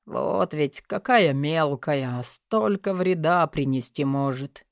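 A blustering older major, his voice pushed down low and rough with wheezing, played by a woman narrator. He grumbles in a dense, close, dry reading from a storybook. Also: measured pace, no echo. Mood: grumbling.

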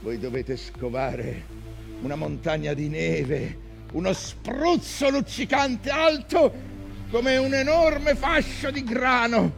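An actor playing an obsessed, scarred old whaling captain in a declamatory theatrical stage monologue. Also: male voice, extremely high pitch, expressive, slow, vocal fry, faint music behind, full character voice. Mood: commanding, intense. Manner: declamatory, swinging from hushed brooding to shouted commands.

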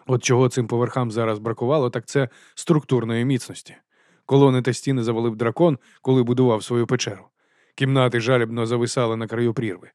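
A man narrating an audiobook in a steady, even reading voice. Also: medium pitch, no room sound, clean studio sound. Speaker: audiobook reader.

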